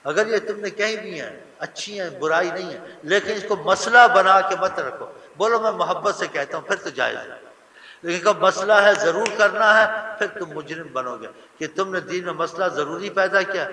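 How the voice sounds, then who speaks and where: A man preaches with earnest emphasis, his voice bright and forceful. He sits a little back from the mic in a roomy hall with a long reverb. A faint hum of room ambience lies underneath. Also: a little high. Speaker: religious preacher. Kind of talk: sermon. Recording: roomy hall, heard from a distance.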